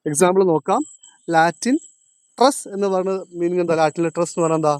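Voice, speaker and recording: A man teaches a classroom lesson in a high voice. He quizzes his students and repeats each point, slowing down on the key terms. The sound is dry, with no echo. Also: a little mellow, clear, resonant tone. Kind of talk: classroom lecture.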